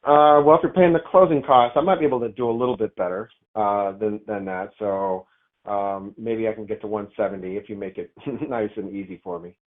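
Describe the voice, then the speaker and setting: On a narrow, tinny phone line, a property owner chats informally, hesitating and thinking out loud in an easygoing way. He speaks briskly with a fairly low pitch and fairly even intonation.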